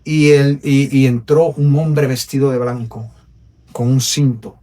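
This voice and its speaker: A man with a Puerto Rican accent, an evangelist telling his personal testimony on a podcast in an earnest, preacherly way, going from hushed to emphatic. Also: mid-range voice, little pitch movement, unhurried, recorded from a distance. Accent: Puerto Rican Spanish. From Puerto Rico.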